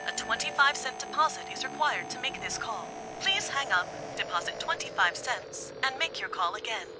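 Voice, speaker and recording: A game's payphone recording, the flat, impersonal operator message that plays when a call fails. The voice sits fairly high and lilts up and down as it spells out each instruction. Loud music plays behind it. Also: female voice, moderate pace. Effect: payphone recorded announcement. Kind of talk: game voice acting.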